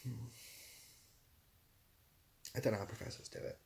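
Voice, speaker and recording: A live streamer at a moderate pace, with a slightly mellow voice, reads out questions from chat and answers them casually, rambling and making fun of himself.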